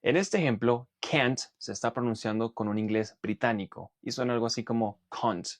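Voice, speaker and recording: A man teaching English pronunciation, explaining clearly and methodically and modelling example words. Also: medium pitch, a little fast, dry recording, soft background music. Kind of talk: explanatory language lesson.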